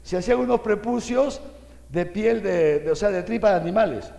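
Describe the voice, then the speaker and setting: An older man from Peru, a bishop, giving an animated, folksy sermon full of rhetorical asides to his listeners. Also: high-pitched, normal speed, vocal fry, big-room sound.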